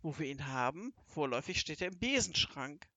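A reader voicing a self-important male village policeman who speaks in a gruff, officious tone. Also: mid-range voice, big pitch swings, fairly quick, sharp tone, no echo, dull audio. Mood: formal. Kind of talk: audiobook character voice.

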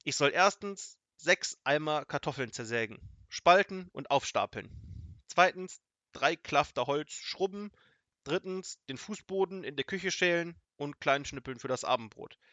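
A man's voice: fairly high pitch, animated, a little slow, bright, forceful tone, dry recording. A man voicing a cheeky young male trickster in a storybook, speaking in a mock-innocent, fake-confused way. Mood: playing dumb.

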